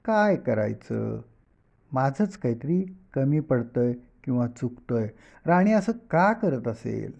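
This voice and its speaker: Serene devoted wife, told by a male storyteller. Soft and composed, fairly high, muffled recording. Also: creaky, exaggerated voice. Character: calm devoted young wife, gentle and serene. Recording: dull lo-fi recording.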